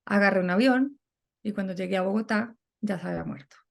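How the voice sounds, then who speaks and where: A middle-aged woman telling a personal story in conversation, animated and acting out the voices she quotes. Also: mid-range voice, a little fast, vocal fry. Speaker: guest.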